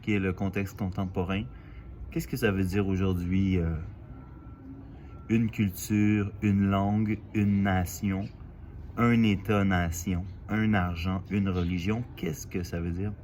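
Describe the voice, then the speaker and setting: A man from Quebec with a Quebec French accent, musing aloud in a casual vlog, halting and full of fillers, outdoors in a city alley. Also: deep voice, level tone, darkish tone, slight background noise. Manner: thoughtful, halting, with many fillers and restarts. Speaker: vlogger. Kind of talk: casual reflective monologue.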